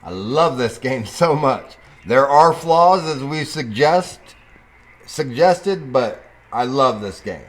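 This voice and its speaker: Slow-talking man commenting on his gameplay. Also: mid-range voice. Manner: slow, chatty, talks to the game, sudden excited whoops. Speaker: gaming YouTuber.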